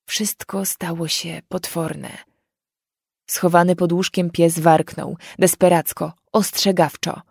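A woman narrating a dark fantasy story in a measured, expressive reading. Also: fairly low pitch, creaky, slightly rough, dry recording, clean studio sound. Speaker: audiobook reader.

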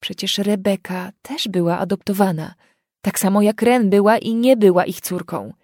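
A woman narrating a dark fantasy story in a measured, expressive reading. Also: mid-range voice, no echo, studio quality. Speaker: audiobook reader.

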